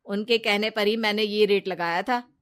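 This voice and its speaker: A woman's voice: mid-range voice, steady tone, normal speed, a bit bright, clear, resonant tone, natural voice. A woman voicing a shifty male property dealer who talks matter-of-factly. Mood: deflecting.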